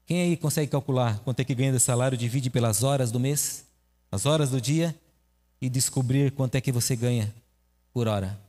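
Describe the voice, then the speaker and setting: A man's voice: mid-range voice, brisk, warm tone. A man preaching a sermon in a church, telling a story and asking his listeners questions. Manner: conversational, asks the audience questions. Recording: echoey hall reverb.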